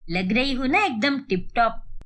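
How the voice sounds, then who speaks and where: A woman's voice: fairly high pitch, very animated, measured pace, fairly bright tone. A woman voicing a scheming, domineering mother-in-law in a cartoon story. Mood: bossy. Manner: scolding, domineering. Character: scheming bossy middle-aged mother-in-law.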